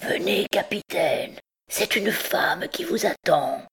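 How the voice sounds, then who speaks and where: A timid hunchbacked bell-ringer murmurs his words slowly, half in a whisper, as a woman reads him aloud. The voice sits low and soft, shy and devoted. It is an audiobook storybook reading. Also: lively intonation, slightly rough, exaggerated voice. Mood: urgent pleading. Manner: hushed, slow, half-whispered.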